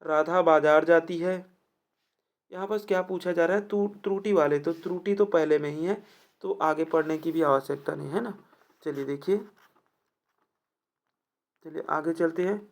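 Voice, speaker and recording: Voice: medium pitch, moderate pace, pauses often. A teacher going through exam questions for students, who keeps asking rhetorical check-in questions and repeats each answer. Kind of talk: explaining test questions to students.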